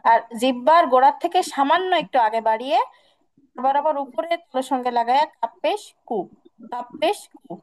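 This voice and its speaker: High-voiced woman teaching letter sounds. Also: no echo, rough recording. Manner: patient, drills sounds by repeating them slowly. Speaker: Quran recitation teacher. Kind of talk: online class instruction.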